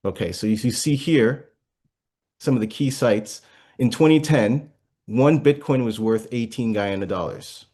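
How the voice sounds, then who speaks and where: A man with a mellow, medium-pitched voice speaks a little slowly as an investment guest on an interview. He explains things patiently, full of fillers and restarts, checking whether listeners are following.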